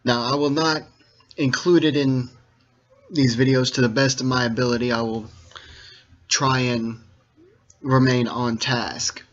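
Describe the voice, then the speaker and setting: A man giving an informal, didactic monologue to viewers, speaking in deliberate, halting phrases with emphatic stresses and checking that listeners follow. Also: medium pitch, fairly even intonation. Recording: dull, lo-fi sound.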